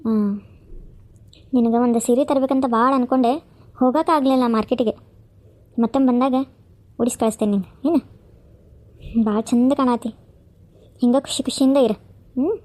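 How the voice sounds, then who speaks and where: A woman's voice: fairly high pitch, fairly even intonation, moderate pace, pauses often, mellow, close to an everyday voice. Motherly big sister voiced by a woman, firm and coaxing. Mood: caring. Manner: coaxing, then firm and scolding. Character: caring protective elder sister, firm and motherly.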